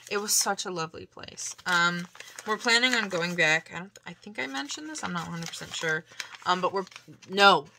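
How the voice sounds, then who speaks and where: A woman chatting casually to camera as she shows off a shopping haul, rambling with many fillers and laughs and now and then dropping into soft, breathy asides. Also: lowish voice, animated, moderate pace, background noise. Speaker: vlogger showing a shopping haul.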